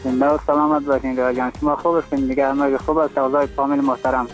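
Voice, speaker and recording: A man's voice: mid-range voice, little pitch movement, faint music behind, low-quality recording. A man with an Afghan Dari accent calling in to a radio show, friendly and loosely stringing his sentences. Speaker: caller. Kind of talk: phone-in call.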